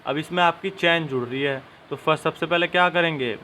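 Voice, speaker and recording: A young man gives a classroom-style chemistry lesson, walking through it step by step and addressing his students directly. His fairly high voice moves fairly quickly, with a bright, forceful tone and a little hiss or hum.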